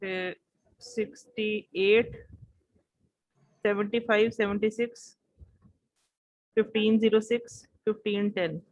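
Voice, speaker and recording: A woman teacher taking attendance and lecturing in an online class over a video call, in a brisk, businesslike way. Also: mid-range voice, fairly even intonation, a little mellow, dry recording, muffled recording.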